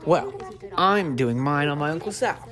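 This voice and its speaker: A woman voicing a teasing, skeptical school-age boy with a dry manner in an animated film. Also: sits low, moderate pace, soft background music. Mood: teasing, matter-of-fact.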